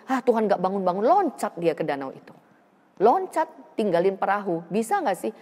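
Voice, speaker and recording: A woman's voice: mid-range voice, a little mellow, long reverb tail. A woman pastor, preaching a sermon in a conversational way and addressing her congregation directly again and again. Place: church hall.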